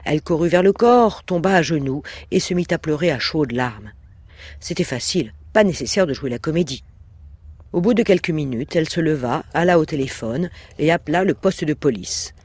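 A man reading a story aloud in a measured, expressive way. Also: fairly high pitch, no echo. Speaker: reader.

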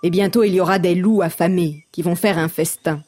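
A woman voicing a calm wise crow. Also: lowish voice, a little fast, a little hiss or hum, lightly acted. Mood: warning.

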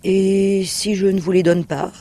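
A bewildered insurance agent, polite but trying to stay firm, as a male reader plays him. The voice is a touch high, earnest and a little flustered. It comes from a storybook reading. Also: level tone, unhurried, mellow. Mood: uneasy. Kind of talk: audiobook reading.

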